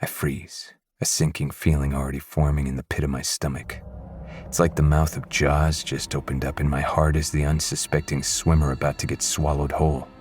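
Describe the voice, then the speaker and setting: A man narrating a first-person audiobook with low, restrained menace.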